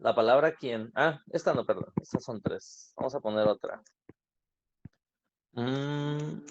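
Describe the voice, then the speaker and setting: A man teaches an online grammar class, explaining patiently and putting questions to students. His voice is mid-range and unhurried, and the class audio is dull and lo-fi.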